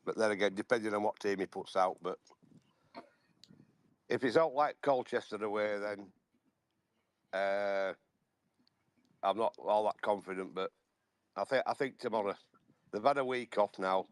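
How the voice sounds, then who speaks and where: A man with a fairly low voice talks football in a blunt, plain way. He stops and restarts with fillers as he joins a casual fan podcast over a remote call. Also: moderate pace, pauses often, no echo. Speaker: podcast regular.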